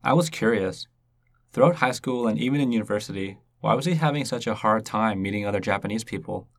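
A fairly low-pitched man talks fast while interviewing as a podcast host, curious and gently probing in a conversational way. He comes from Canada, Cantonese is his first language, and the recording is dry.

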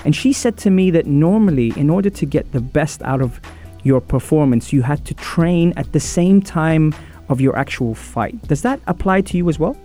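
A man's voice: fairly high pitch, expressive, normal speed, dark tone. A man hosting a sports talk show, interviewing a guest in a chatty, informal way. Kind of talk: casual radio interview. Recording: music playing behind the voice.

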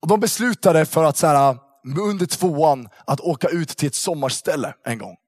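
Animated man telling a story, dry sound. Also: on the high side, no room sound. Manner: animated storyteller, slangy with lots of fillers. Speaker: youth speaker. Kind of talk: casual storytelling talk to young people.

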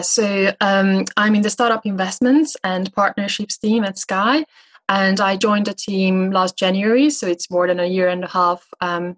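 Woman in her thirties, interview guest, halting delivery with frequent fillers. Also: medium pitch. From Hungary. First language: Hungarian. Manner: hesitant, frequent filler sounds. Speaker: guest investment manager. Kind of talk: conversational interview answers.

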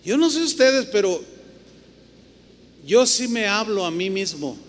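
Animated Mexican pastor preaching in reverberant hall. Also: male voice, high-pitched, unhurried. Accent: Mexican Spanish. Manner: animated storytelling, voices other people's lines. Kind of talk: sermon. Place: church hall with long reverb. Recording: reverberant hall, faint noise.

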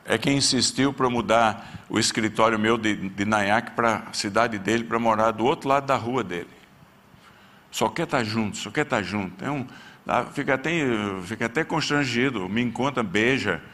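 A pastor, preaching a sermon and telling a personal story with strong feeling. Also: male voice, moderate pace, a bit bright. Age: 60s. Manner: emotional storytelling, voice rising in pitch at peaks.

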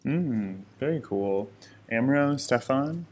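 A man's voice: medium pitch, slow pace, a little hiss or hum. A man interviewing a group in a casual, conversational way. He thinks aloud and often hums to show he is listening. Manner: relaxed, thinks aloud, frequent hums of acknowledgment.

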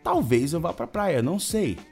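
A man teaching English with a very lively, swooping delivery, saying example phrases slowly and then repeating them. Faint music plays underneath. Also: on the high side, breathy edge. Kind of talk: lively grammar lesson.

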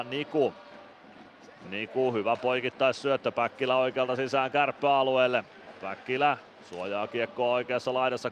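A man giving radio play-by-play commentary on an ice hockey game from an arena booth, calling the action in quick, steady phrases. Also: mid-range voice, a little hiss or hum. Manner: rapid steady play-by-play, rising to shouting at goals.

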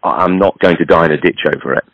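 A man's voice: low-pitched, steady tone, fast, no room sound, muffled recording. A man in his sixties, a clothing entrepreneur talking frankly in a casual, rambling way. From British. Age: 60s. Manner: frank, rambling, self-deprecating. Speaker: podcast guest, clothing entrepreneur. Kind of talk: casual conversation.

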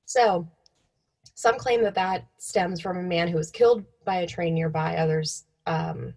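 A woman's voice: lowish voice, a little slow, darkish tone, poor audio. A young woman co-hosting in an informal, offhand way, telling stories partly read from notes. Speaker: podcast co-host.

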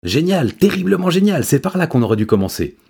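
A man voicing an excitable, bookish male cat who exclaims and trips over long words. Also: fairly low pitch, normal speed, husky. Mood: excited.

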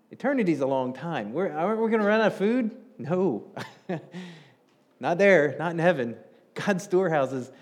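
A man preaching a sermon in a conversational, animated way, rising in pitch and volume when he stresses a point. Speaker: pastor.

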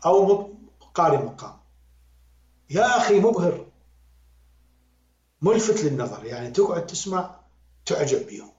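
A man with an Iraqi accent, a music critic and podcast guest, talking in an animated, emphatic way and repeating words to drive his point home. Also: on the high side, normal speed, pauses often. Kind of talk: conversational critique. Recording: roomy, dull lo-fi sound.

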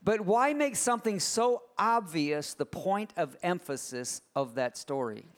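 Man, preacher, high-pitched, short sermon phrases, pauses for translation. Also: animated.

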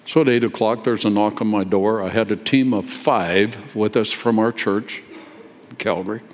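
An older man with a low voice preaches to a congregation, telling his story in a folksy, confessional way with dry asides. His sinuses sound stuffed up, and the long reverb of a large sanctuary trails after each phrase. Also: fairly even intonation, moderate pace, slight background noise. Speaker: guest preacher. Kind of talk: sermon storytelling. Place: church sanctuary.

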